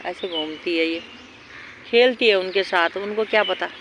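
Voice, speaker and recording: A woman filming her dogs outdoors in a park, talking to them in a high coaxing or scolding voice and explaining them calmly to her viewers. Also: normal speed, noisy background. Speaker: dog owner vlogger. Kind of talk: casual narration to camera.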